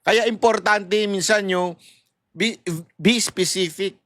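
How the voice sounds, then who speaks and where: Middle-aged vlogger from Manila, loud high voice, chatty and animated, dry close sound. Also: male voice, slow pace, dry recording. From Manila, Philippines. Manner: animated and chatty, laughs at his own asides. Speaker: political commentary vlogger. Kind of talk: casual political commentary.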